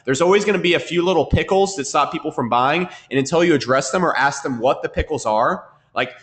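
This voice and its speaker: A man with a fairly bright, somewhat high voice teaches a marketing webinar while sniffling from a cold. He talks fast and repetitively, checking in with "okay?" over and over.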